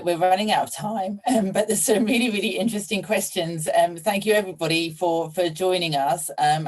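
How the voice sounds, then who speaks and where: A woman's voice: on the low side, darkish tone. A woman hosting an online webinar, speaking in a friendly, affirming way with plenty of ums. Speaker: webinar host. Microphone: video call.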